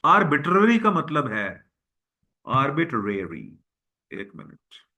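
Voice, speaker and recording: A man's voice: on the high side, big pitch swings, slow, pushed and bright. A man giving a recorded vocabulary lecture, repeating each word as a drill and speaking to his students as boys and girls. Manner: drills words by repeating them. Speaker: vocabulary teacher.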